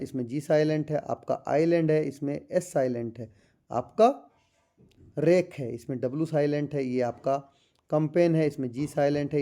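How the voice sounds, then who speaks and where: A man tutoring schoolchildren through a textbook chapter, reading lines slowly and explaining them. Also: fairly high pitch, dark tone. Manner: reads English lines slowly, explains in Hindi addressing children.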